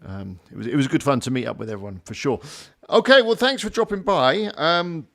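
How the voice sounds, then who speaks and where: Creaky-voiced man hosting a casual chat. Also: medium pitch, lively intonation, a little fast, a bit bright. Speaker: livestream host. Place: remote group call.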